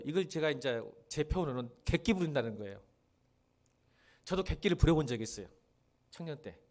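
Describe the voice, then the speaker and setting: A middle-aged man preaching a sermon as pastor, acting out quoted voices and swinging between loud emphasis and quiet asides. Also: on the high side.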